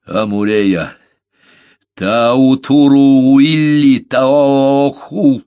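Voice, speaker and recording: A furious, half-mad man, voiced by a male reader, barking hoarse, fierce outbursts in an audiobook, pitched higher and louder than the narration. The sound is dry and close. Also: unhurried, no room sound.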